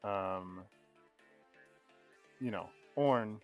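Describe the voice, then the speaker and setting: A man with a lowish voice calls each pick of an esports draft in steady play-by-play, often pausing on an um. Faint music runs behind him. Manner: steady play-by-play, frequent ums. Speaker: play-by-play caster. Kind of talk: live esports draft commentary.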